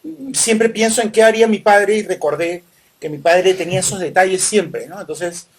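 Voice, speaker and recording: Middle-aged Peruvian man, podcast co-host, laid-back storyteller, filler-heavy. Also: high-pitched. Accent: Peruvian Spanish. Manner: warm reminiscing, unhurried, many fillers. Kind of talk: casual chat.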